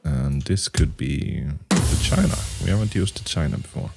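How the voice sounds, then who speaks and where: A man's voice: very animated, moderate pace, loud music behind the voice. A man composing a metal song on his computer, talking through each step and humming out rhythms. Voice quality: very deep, gravelly voice. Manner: thinking aloud, humming and scatting rhythms. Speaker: musician and YouTuber. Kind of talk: casual talk-through while composing.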